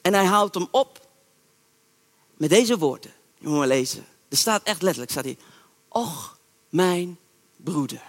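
A man preaching a sermon, retelling a Bible story in a lively, colloquial way and acting out the characters' words. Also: sits high, normal speed, pauses often. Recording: echoey hall reverb.

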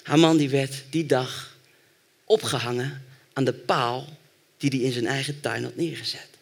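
A man's voice: mid-range voice, steady tone, moderate pace, gravelly. A man preaching a sermon, retelling a Bible story and building to fervent exhortation.

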